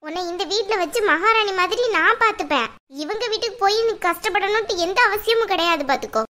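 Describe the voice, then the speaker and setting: A woman's voice: extremely high pitch, quick pace, sharp tone. A woman voicing a harsh middle-aged mother who scolds and gives orders in a cartoon. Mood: scolding. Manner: scolding and commanding. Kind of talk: cartoon voice acting.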